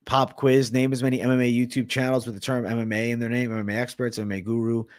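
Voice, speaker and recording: A man hosts a casual livestream Q&A and answers viewer questions in a blunt, offhand way, swearing now and then. His voice sits at a middling pitch. The sound is dry and close, with no room echo. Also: level tone, fast. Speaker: livestream host.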